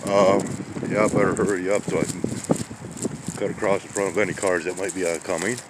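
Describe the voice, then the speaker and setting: Walking small-town streets in the snow, a vlogger on a weather walk chats casually into a handheld phone camera, rambling with folksy exclamations. His voice is deep and brisk with little pitch movement, and wind noise hits the mic.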